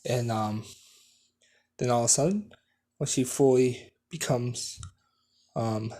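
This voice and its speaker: A man's voice: mid-range voice, takes it slowly, mellow. A man improvising a fan story at home, hesitant, with many fillers and restarts.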